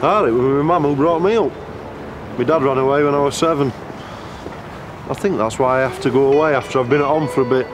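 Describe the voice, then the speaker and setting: An actor playing a soft-spoken young man. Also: mid-range voice, fast talker, long pauses, music in the background, natural voice. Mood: wistful. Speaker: young man chatting with a singer. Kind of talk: film dialogue.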